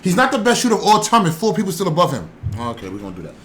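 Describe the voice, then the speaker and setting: Young male podcast co-host, fairly high voice, pushy and emphatic in debate. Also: wildly swooping pitch, very fast, a bit bright. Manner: assertive, argumentative, emphatic. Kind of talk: casual debate chat.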